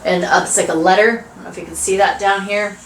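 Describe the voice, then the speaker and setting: Woman read-aloud voice, casual asides, middle pitch, echoing room. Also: steady tone, fast, a bit bright, slight background noise. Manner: chatty asides to listeners. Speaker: reader. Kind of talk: reading a children's novel aloud. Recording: roomy echo.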